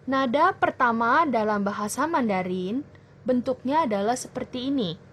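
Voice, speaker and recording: A young woman tutoring children in a language lesson, explaining clearly and patiently. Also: a little high, lively intonation, slight background noise. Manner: slow, clear teacherly explaining. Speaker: Mandarin tutor.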